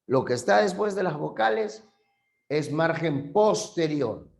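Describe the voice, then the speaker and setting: Slow, patient male teacher. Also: a little high, animated, vocal fry, roomy sound. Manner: patient, repeats key terms, checks understanding. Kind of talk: classroom language lesson.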